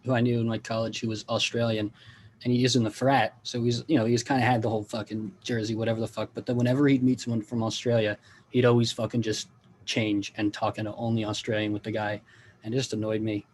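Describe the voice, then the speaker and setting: A man's voice: fairly low pitch, level tone, fast talker, a little mellow, a little hiss or hum. A man co-hosting a podcast, telling a loose casual story and swearing in passing. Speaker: podcast co-host. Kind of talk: casual chat.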